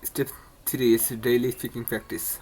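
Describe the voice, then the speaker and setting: A man's voice: medium pitch, little pitch movement, normal speed, warm tone, slightly rough. A man hosting his own channel, teaching English in a casual spoken lesson, often restarting and repeating words. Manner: repetitive, many restarts and stumbles.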